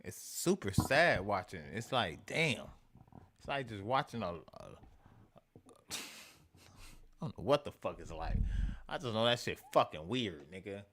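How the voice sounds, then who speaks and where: A man hosting an animated commentary rant, repeating himself emphatically with profanity and mocking asides. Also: lowish voice, a little slow, long pauses. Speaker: show host.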